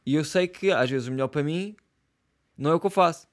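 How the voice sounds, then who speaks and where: A man's voice: fairly high pitch, quick pace. A young man with a European Portuguese accent, ranting casually in slangy, swear-filled talk with lots of fillers. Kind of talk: casual rant.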